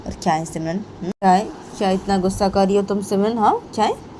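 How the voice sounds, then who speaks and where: A woman voicing a stern middle-aged mother who scolds in a low voice and keeps repeating her daughter's name. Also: quick pace, mellow, a little hiss or hum, close to an everyday voice, poor audio. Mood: scolding.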